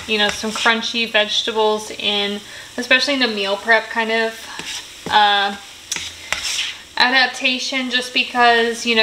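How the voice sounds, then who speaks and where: A woman's voice: fairly high pitch, roomy sound, noisy background. A woman giving a friendly step-by-step cooking voice-over in a home kitchen. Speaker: cooking channel host.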